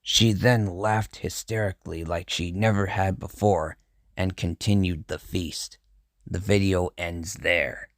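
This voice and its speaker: A man with a very low, gravelly voice reads a first-person horror story at an unhurried pace. His delivery stays measured and grim throughout, and the recording is dry and close with no room sound. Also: fairly even intonation, no echo. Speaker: narrator.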